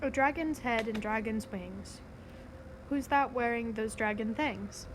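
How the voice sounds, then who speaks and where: A woman's voice: fairly high pitch, unhurried. Woman reading a picture book aloud. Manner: sing-song, animated storyteller cadence. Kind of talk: read-aloud storytime. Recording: noisy home recording.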